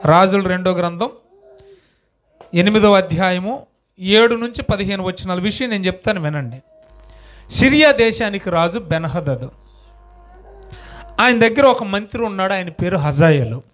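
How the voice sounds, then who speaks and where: A male pastor tells a story during his sermon, posing questions the congregation answers aloud while his volume swings between loud and soft. His voice is high-pitched and animated, moving at a moderate pace with long pauses.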